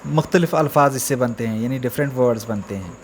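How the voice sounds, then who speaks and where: A man teaching the alphabet to beginners, sounding out each letter slowly and repeating example words with frequent check-ins. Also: medium pitch, a little hiss or hum. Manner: drawn-out, repetitive letter drills with frequent "theek hai". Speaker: Urdu teacher. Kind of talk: slow beginner alphabet lesson.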